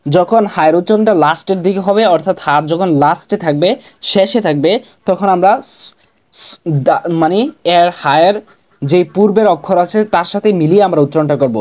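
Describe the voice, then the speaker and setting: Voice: medium pitch, brisk, darkish tone. A language teacher giving an online lesson, patiently drilling pronunciation and repeating each syllable, asking and then answering.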